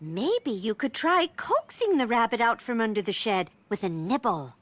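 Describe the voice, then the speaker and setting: A woman voicing a gentle, patient older grandmother in a children's cartoon, explaining things kindly and coaxing the little ones. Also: fairly high pitch, big pitch swings, normal speed, no echo. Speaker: grandmother character. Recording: cartoon soundtrack with music beneath.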